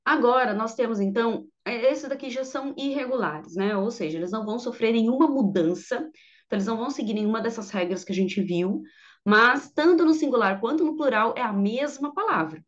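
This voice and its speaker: A woman's voice: on the high side, animated, a little fast. A woman, teaching English grammar in an online lesson, patient and repeating each word for her students. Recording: dull lo-fi audio.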